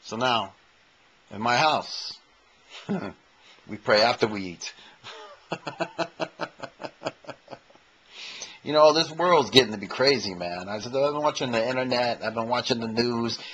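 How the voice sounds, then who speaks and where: A husky-voiced man in his fifties talks straight into a small camcorder from his own room. He rambles through a self-mocking comedy routine and keeps repeating his punchlines. His voice sits at a middle pitch. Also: a little slow, pauses often, a bit bright, low-quality recording. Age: 50s. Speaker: amateur comedian and impersonator. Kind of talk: stand-up comedy monologue to camera. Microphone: handheld camcorder mic.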